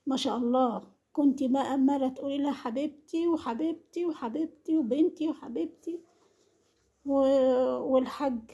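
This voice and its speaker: Scolding Egyptian woman, husky and mellow. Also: a little high. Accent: Egyptian Arabic. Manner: reproachful, hammers the same accusing questions over and over. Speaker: vlogger commenting on an online family feud. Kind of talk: scolding monologue.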